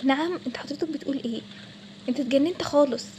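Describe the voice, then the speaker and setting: Woman doing an annoyed egyptian bank girl, high voice, talks super fast. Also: darkish tone, slight background noise, lightly acted. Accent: Egyptian Arabic. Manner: exasperated, snapping back. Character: fed-up young woman bank clerk. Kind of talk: toy role-play story voicing.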